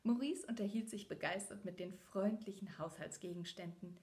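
A woman's voice: medium pitch, moderate pace, darkish tone. A woman reading a storybook aloud to children, often dropping to a whisper for suspense and talking directly to her young listeners. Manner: talks directly to children between passages. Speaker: children's book reader.

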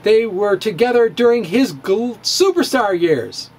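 A middle-aged man with a high voice and lively intonation reads his own physics blog dramatically into a studio mic at home. The playful, theatrical performance is punctuated by pauses and dips.

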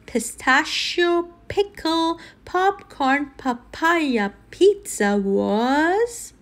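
A woman reads a picture book to a toddler in a high voice with lively, swooping intonation. She is very slow and deliberate, leaning on key words in a sing-song, expressive way. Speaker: storybook reader.

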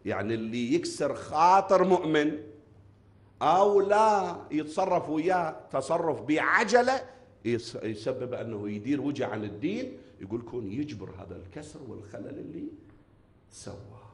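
A man preaching a Muharram sermon with an Iraqi accent, who swings from loud emphatic rises to soft low murmurs and calls his listeners dear ones. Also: sing-song, normal speed. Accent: Iraqi Arabic. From Iraq. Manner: addresses the audience warmly as dear ones. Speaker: Shia preacher. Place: mourning gathering hall.

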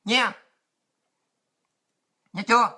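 A woman with a Southern Vietnamese accent, hosting a livestream and delivering a crude, taunting political rant with frequent shouting. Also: fairly high pitch, steady tone, drawn-out words. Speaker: livestream host.

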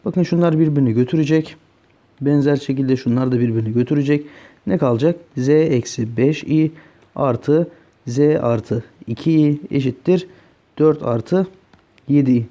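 A male math tutor with a very dark, mellow voice talks through each step of a problem. He keeps asking his students whether they are following along. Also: fairly high pitch, normal speed. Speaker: math teacher. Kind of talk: solving exam questions on a board.

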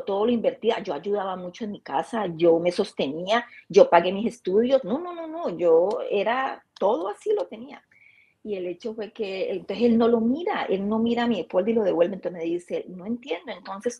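A woman guest telling her story in a casual, animated way, acting out the dialogue of her anecdotes. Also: mid-range voice, brisk, breathy edge, lo-fi sound. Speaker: interview guest.

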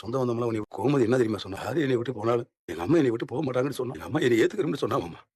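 Fast-talking indignant family man. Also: mid-range voice, expressive, a little mellow, breathy edge. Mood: troubled. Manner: indignant, rapid and heated. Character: earnest family man upset over in-laws. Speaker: husband and family elder. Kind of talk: TV serial acting.

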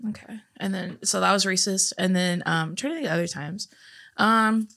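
A woman's voice: medium pitch, moderate pace, gravelly, a bit bright. A young woman co-hosting a podcast who tells stories in a loose, chatty way with offhand asides. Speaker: podcast co-host. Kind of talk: casual chat.

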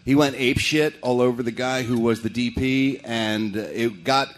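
A man's voice: mid-range voice, normal speed. A man co-hosting a podcast, telling a story in casual chat and laughing easily. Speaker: podcast co-host.

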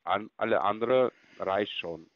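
A man with Russian as his first language, hurling insults in halting, broken German over the phone. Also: fairly low pitch, creaky, dry recording, dull audio. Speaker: scam caller.

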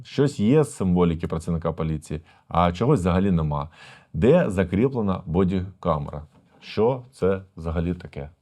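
A man's voice: sits low, lively intonation, normal speed, warm tone. A man, a lawyer, commenting on a video for viewers, emphatic and full of rhetorical questions.

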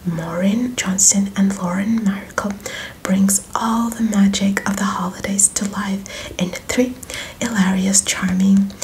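A young woman in a whispered role-play as a friendly, helpful librarian, speaking in a soft library whisper. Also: medium pitch, low-quality recording. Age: young adult. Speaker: ASMR performer playing a librarian. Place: small indoor room with bookshelves.

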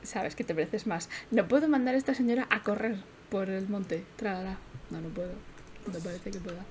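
A young woman chats through a life-sim stream with a mid-pitched voice. She sounds a little worn out, laughs easily and swears in casual asides. A faint background noise runs beneath her. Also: fairly quick, darkish tone. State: tired. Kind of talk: casual gameplay commentary.

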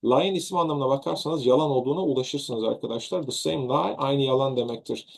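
Gravelly-voiced Turkish teacher explaining grammar. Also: male voice, mid-range voice, brisk. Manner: explains patiently, repeats and rephrases examples. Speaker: English exam teacher. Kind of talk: online grammar lesson.

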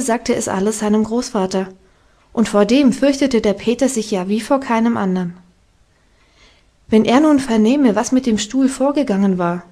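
A woman narrating a classic children's novel as an audiobook, with calm, even storytelling. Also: on the high side. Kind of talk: scripted narration.

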